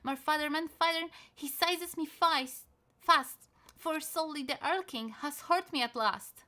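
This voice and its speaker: A woman voicing a frightened young boy who pleads urgently with his father in a high voice. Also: moderate pace, a bit bright.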